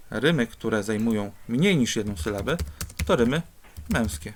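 A male teacher walks students through a lesson at an even, medium pitch. He explains patiently and step by step, pausing with small hesitations as he points to examples. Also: a little hiss or hum. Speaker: Polish teacher.

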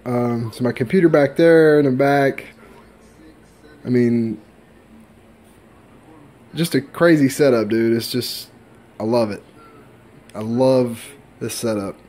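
Talking slowly with frequent pauses, this man in his thirties has a medium-pitched, darkish voice and seems a little under the weather. He's a laid-back, chatty gaming YouTuber who repeats himself, recording on a desktop USB mic in his bedroom setup indoors.

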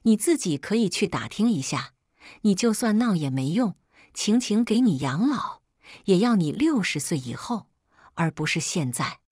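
A woman's voice: medium pitch, big pitch swings, normal speed, a little mellow, husky, no echo. Protective young guy, firm and frowning, read by a woman, dry close. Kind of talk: scripted story narration.

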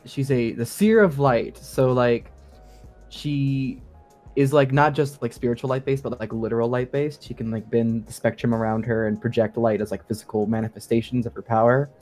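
This man has a medium-pitched, slightly mellow voice with fairly even intonation and a moderate pace, and soft music plays behind him. He's a guest sound designer on a gaming show, chatting very informally and peppering his talk with "like" and quoted asides in a casual interview.

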